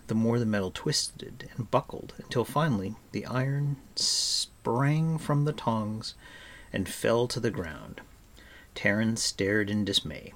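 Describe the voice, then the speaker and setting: Gravelly low-voiced male audiobook narrator. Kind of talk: scripted storybook narration.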